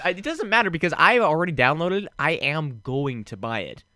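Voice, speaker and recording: A man hosting a casual group chat on a stream, animated and joking, often restarting his sentences. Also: fairly high pitch, fairly quick, no echo, clean studio sound. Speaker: host reading viewer chat.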